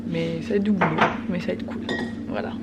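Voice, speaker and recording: A woman's voice: on the low side, steady tone, quick pace. A woman chatting casually about everyday life as a vlogger. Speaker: vlogger and mother. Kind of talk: casual vlog chat. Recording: clear background noise.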